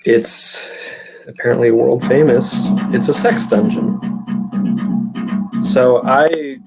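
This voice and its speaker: This thirty-something man from California talks slowly in a mid-range, creaky voice with a steady tone, live-streaming a long, meandering, foul-mouthed story and responding to his chat as he goes. Music plays underneath, and the audio is poor.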